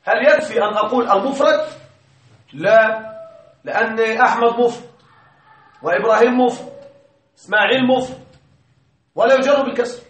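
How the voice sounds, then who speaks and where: A male grammar teacher giving a classroom lesson, patiently explaining, quizzing his students and chanting quoted verses slowly. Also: very high voice, a bit bright. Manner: recites verses in slow measured chant. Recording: echoey classroom from far off.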